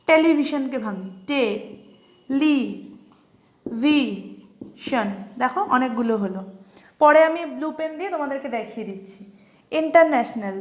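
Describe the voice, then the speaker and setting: In a Bengali-language lesson on English pronunciation, a woman with a high-pitched voice and roomy sound explains syllables and writes examples. She patiently repeats words slowly and often checks her students follow with "কেমন?".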